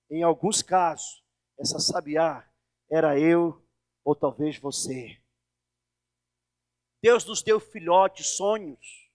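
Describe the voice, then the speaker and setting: A male pastor preaching in church with a very high voice, swinging from hushed lines to shouts. The sound is dry and close. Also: dry recording. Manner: impassioned, shifting from hushed to shouting. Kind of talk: sermon.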